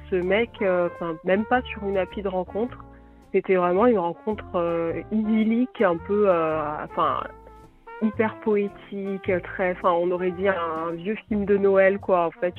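A young woman from France tells a story over a tinny phone line, chatty and loose, with plenty of fillers and laughter. Her voice sits at a middle pitch, and faint music plays underneath. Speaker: listener sharing a story by voicemail. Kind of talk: casual storytelling.

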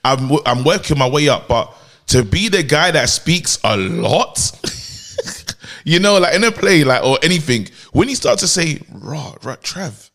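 Bright-voiced London roadman, animated and slangy. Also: on the high side, unhurried. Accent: London, urban roadman slang style. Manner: animated storyteller, slangy, acts out quotes. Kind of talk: casual podcast chat.

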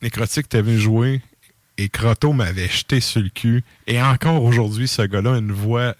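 Relaxed Québécois radio co-host. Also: male voice, mid-range voice, normal speed, no echo, clean studio sound. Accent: Québécois French. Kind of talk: casual radio chat.

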